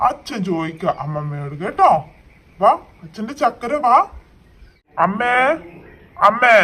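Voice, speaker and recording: A man doing a gentle high-voiced cartoon dad. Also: exaggerated voice. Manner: tender with child, scolding with his mother. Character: gentle young father. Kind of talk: cartoon voice acting.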